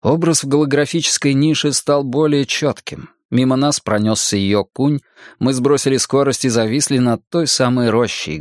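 A man's voice: mid-range voice, dry recording, clean studio sound. A man reading dramatic first-person audiobook narration.

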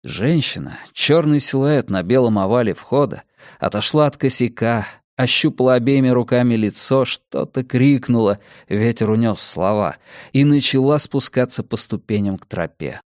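Dry, measured male audiobook narrator. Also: mid-range voice, dry recording. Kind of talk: scripted narration.

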